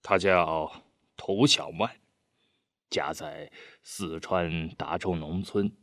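A man's voice: deep voice, fairly even intonation, slow, fairly bright tone, no echo, studio quality, exaggerated voice. A man voicing an eager, earnest middle-aged official who keeps pressing his case in a storybook reading. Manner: earnest, pleading, talkative.

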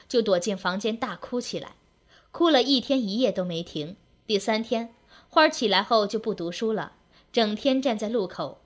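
Woman, story reading, emotive, sentimental, fairly high voice, lively pitch.

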